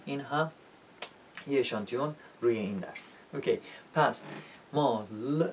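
A man whose first language is Persian, teaching English pronunciation in a spoken lesson and repeating words slowly to demonstrate sounds. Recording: distant mic with faint rumble.

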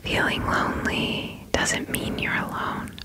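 A woman whispering a soothing pep talk in the style of ASMR affirmations. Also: measured pace. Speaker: ASMR host.

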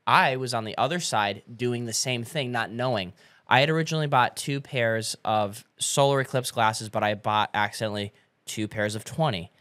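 A young man chats as a podcast guest, spinning an animated story. He acts out what people said and laughs often. His voice sits in a middle pitch, recorded dry and close with no room sound. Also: normal speed, no room sound. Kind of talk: casual storytelling chat.

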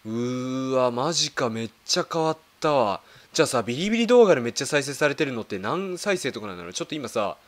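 A man's voice: mid-range voice, lively intonation, fast talker, hardly any pauses. A man making casual reaction commentary as he browses videos, thinking aloud with lots of fillers and questions to himself. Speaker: video creator.

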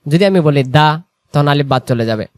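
A man teaching Quran reading, drawing out example words slowly and then explaining quickly, asking and answering his own questions. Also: on the high side, expressive, no echo. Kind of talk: explanatory lesson.

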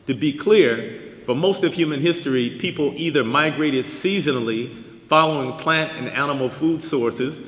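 An older man giving a keynote, reading a personal essay aloud at a lectern mic with measured delivery and dry asides. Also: a little high, a bit bright. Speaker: keynote speaker. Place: large church hall. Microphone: stand mic at a lectern. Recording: roomy hall with long reverb.

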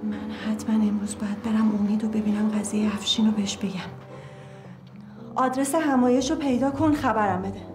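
A brisk, commanding office boss, played by an actress, speaks in a high voice. Her lines ring in an echoey room over background music. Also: lightly acted. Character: bossy woman running a law office.

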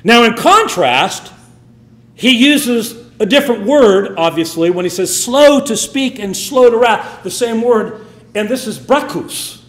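A man's voice: very high-pitched, animated, a little slow, a bit bright, echoey room. A man preaching a sermon with emphatic, swinging delivery. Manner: emphatic, rising and falling delivery.

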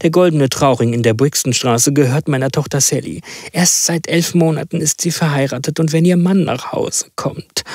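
A man's voice: a little high, a little mellow, no echo, clean studio sound, voice pushed up. A man doing a chattering wrinkled old woman. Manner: rambling, fussy, breathless chatter.

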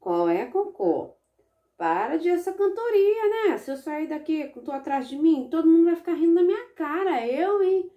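A woman's voice: lowish voice, slow, dark tone, dull audio, voice pushed down. Rude defiant little boy, voiced by a woman, brash, storybook. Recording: echoey room.

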